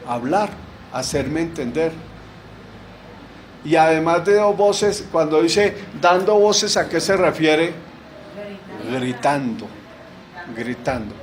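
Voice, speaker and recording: A man's voice: fairly high pitch, slight background noise, rough recording. A middle-aged man preaching a sermon in a church, asking rhetorical questions and answering them with emphasis.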